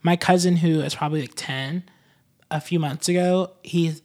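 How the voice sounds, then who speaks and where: A man's voice: on the high side, fairly even intonation, normal speed, a little mellow. A man in his twenties co-hosting a podcast, telling jokey stories in a dry, casual way. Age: 20s. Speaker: podcast co-host. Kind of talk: casual chat.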